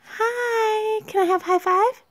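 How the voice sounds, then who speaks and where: A woman's voice: very high-pitched, slow, no room sound, clean studio sound. A woman talking baby talk to her infant, coaxing and squealing praise in a sing-song voice. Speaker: mother filming her baby.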